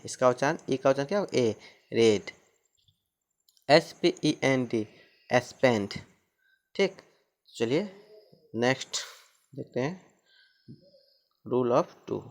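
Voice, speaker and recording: A male teacher explains spelling rules slowly, in a mid-range voice. He repeats each point and answers his own questions, as in a classroom lesson. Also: medium pitch.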